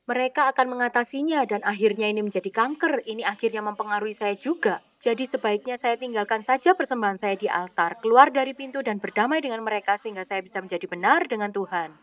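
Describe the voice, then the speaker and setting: A woman preaching a sermon in an expressive way, acting out the dialogue she quotes, recorded as a studio voice-over. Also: fairly high pitch, fast talker, few pauses.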